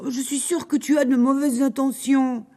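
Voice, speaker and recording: A woman's voice: high voice, fairly even intonation, normal speed, a little mellow, voice pushed up, natural voice. Reluctant old blacksmith, played by a woman. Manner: reluctant, hesitant replies. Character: wary village blacksmith, older man.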